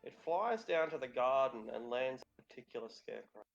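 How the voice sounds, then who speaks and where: A man's voice: mid-range voice, a little fast, vocal fry. Joking game master man, lo-fi. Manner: relaxed, joking, swearing freely. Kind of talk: narrating a tabletop game. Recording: dull lo-fi audio with faint music.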